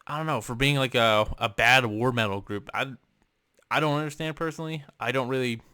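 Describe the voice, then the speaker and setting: A man's voice: medium pitch, brisk, bright, forceful tone, clean tone, no room sound, clean studio sound. A young man vlogging from his room, casually ranking albums with lots of ums and offhand swearing. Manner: rambling, many ums and uhs, casual swearing. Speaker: music vlogger. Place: home room.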